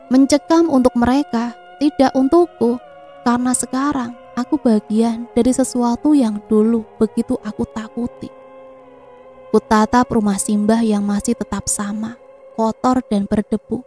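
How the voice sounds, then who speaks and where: A woman narrating a first-person horror story with a steady, somber delivery. Her voice sits a little high, yet its tone is dark and mellow. Faint music plays behind her. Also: normal speed. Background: faint background music.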